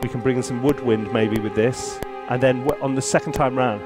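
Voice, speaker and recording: Over music, a man with a medium-pitched voice talks a little fast as a composer reviewing a sample library. He gives casual tutorial commentary, thinking aloud in a playful, self-deprecating way.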